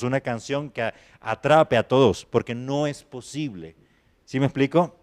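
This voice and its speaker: A man's voice: medium pitch, darkish tone. A man teaching a master class on acting. He lectures conversationally and keeps checking in with the students. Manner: conversational, often asks "¿sí me explico?". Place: university classroom.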